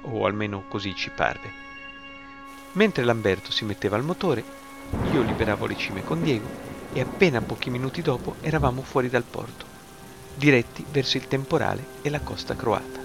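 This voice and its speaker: A man narrating a first-person story in a wry, ironic way, with a gravelly voice. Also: medium pitch, animated, normal speed. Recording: slightly muffled, music behind.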